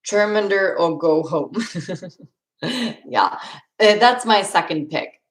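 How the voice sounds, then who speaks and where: A woman's voice: fairly low pitch, lively intonation, slow pace, reverberant. A young woman from Sweden with a Swedish accent, chatting casually on a live stream as she answers viewer questions and laughs often.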